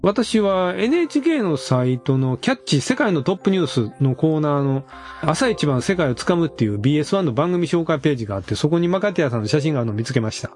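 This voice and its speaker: Man, Senshu Osaka accent, podcast host, lively pitch, fast, faint music behind. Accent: Senshu Osaka dialect. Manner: animated, quick, laughing asides. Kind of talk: casual podcast chat.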